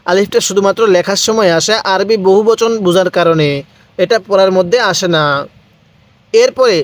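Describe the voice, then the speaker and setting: A man teaching Quran reading, slowly and deliberately drawing out syllables for learners to repeat after him. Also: high voice, fairly even intonation. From Bangladesh. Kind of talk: recitation lesson, repeat-after-me drill.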